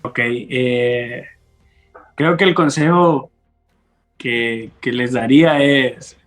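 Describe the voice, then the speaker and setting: A man's voice: mid-range voice, very slow, faint music behind. A young man, a youth leader giving earnest advice and telling his story as a guest, often repeating words as he restarts. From Honduras. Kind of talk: testimony and advice in an interview.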